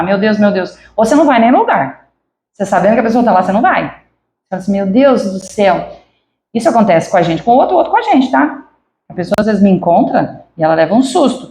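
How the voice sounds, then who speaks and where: A woman's voice: mid-range voice, warm tone, slight background noise. A woman giving a spiritist lecture to a congregation, chatting with the audience and asking them questions. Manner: conversational, asks the audience questions. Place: spiritist center lecture hall. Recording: echoey hall.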